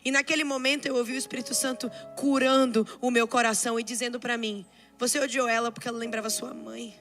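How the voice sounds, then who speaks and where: A woman's voice: fairly high pitch, little pitch movement, fast talker, fairly bright tone, soft background music. A Brazilian woman with a Brazilian accent, preaching a sermon with impassioned storytelling that builds to fervent exhortation. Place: church service.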